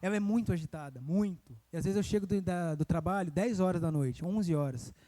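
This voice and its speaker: High-voiced male preacher telling a story. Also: a little fast. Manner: storytelling, swells to loud emotional cries. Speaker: evangelist preacher. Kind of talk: sermon. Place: church sanctuary.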